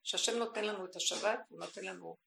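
A woman giving an impassioned religious teaching, swinging from hushed, intimate tones to crying out. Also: medium pitch, creaky, a crowd in the background. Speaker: spiritual teacher. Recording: echoey room recording.

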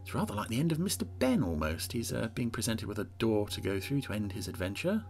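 A man's voice: lowish voice, sing-song, fast talker, gravelly, over music. A man hosting a casual episode commentary in a wry, rambling, hesitant way. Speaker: host.

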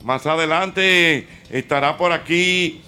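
A man's voice: fairly high pitch, takes it slowly, bright, forceful tone. A Dominican man hosting a radio show from an outdoor broadcast, reading out listener comments in a playful, casual manner. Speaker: radio host.

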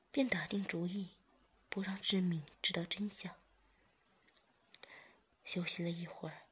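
A woman reading an adult story aloud in whispered role-play, hushed and unhurried. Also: lowish voice, slightly rough.

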